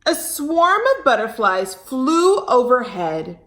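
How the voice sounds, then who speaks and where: Reading a picture book to young children, a woman uses a fairly high, sing-song voice that is slow, pushed, and bright. She stretches words for emphasis and speaks to the kids directly, adding chatty asides and questions.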